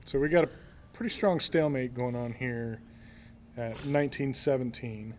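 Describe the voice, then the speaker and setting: A man commentating a card game match live, calling the plays in a relaxed, drawling way. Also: mid-range voice, moderate pace, slight background noise. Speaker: play-by-play commentator.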